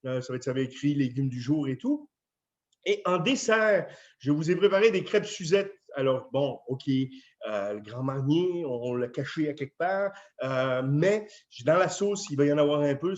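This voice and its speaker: A man with a French accent, a chef talking casually and warmly to residents, with many fillers. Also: medium pitch, expressive, moderate pace. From France. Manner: chatty, friendly, with many fillers. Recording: dull lo-fi video sound.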